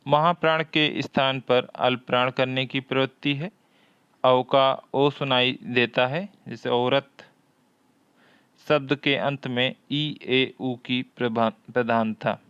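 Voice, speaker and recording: A man leads an exam-prep lesson at a slow, deliberate pace. His voice is smooth and clear, and he repeats each question before working through the answer. The sound is dry and a bit dull, as if close-miked in a small room. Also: mid-range voice, fairly even intonation, fairly bright tone, no room sound. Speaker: Hindi teacher.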